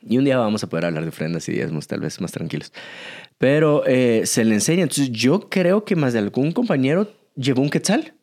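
A man in his thirties with a Guatemalan Spanish accent, co-hosting a casual podcast, explaining things with a lively manner and frequent laughs. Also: medium pitch, a little fast. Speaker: podcast co-host, father, church member.

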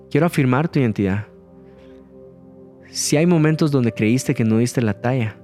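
A man preaching an emphatic sermon, swinging his pitch up and stretching words out to stress a point. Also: darkish tone. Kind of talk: recorded sermon.

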